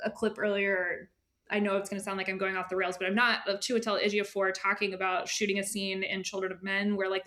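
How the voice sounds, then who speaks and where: A woman appears as an editor and guest in a casual interview, keeping things informal and often slipping into asides and imagined quotes. Her voice is medium-pitched and a touch bright.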